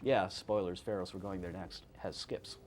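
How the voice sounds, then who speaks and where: A man with a very deep voice chats casually while he plays through a game, offhand and dry in his remarks. A steady hiss of background noise sits under the live stream recording. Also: moderate pace. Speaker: speedrunner. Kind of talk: casual commentary while playing.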